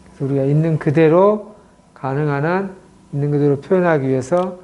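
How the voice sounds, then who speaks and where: His voice is a little high yet dark in tone. A middle-aged clinic director, he teaches an audience about communication slowly, performing plenty of example lines along the way.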